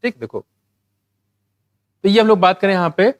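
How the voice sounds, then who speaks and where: A man teaching a biology exam-prep lecture, asking questions and answering them himself, reading English textbook lines slowly. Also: high voice, clear, resonant tone, no room sound.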